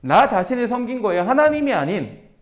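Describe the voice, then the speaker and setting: A man teaching a Bible passage to viewers, animated and firing rhetorical questions at them. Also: very high-pitched, brisk. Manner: addresses listeners directly as everyone. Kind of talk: Bible teaching to a video audience.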